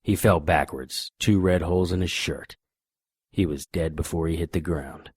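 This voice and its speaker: In a noir radio drama, a man plays a tough, defiant, wry private investigator, serving as lead actor and narrator in both narration and scenes. His low, slightly rough, darkish voice moves at a moderate pace, delivering grim, hard-boiled, sardonic narration in clean, dry studio sound.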